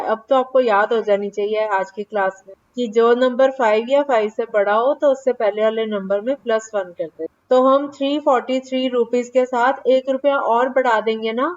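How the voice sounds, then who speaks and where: Middle-aged woman, high voice, math teacher on a dull lo-fi online call, chiding kids by name. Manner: lively, coaxing, scolds students by name. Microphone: online class mic. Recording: dull lo-fi online class audio.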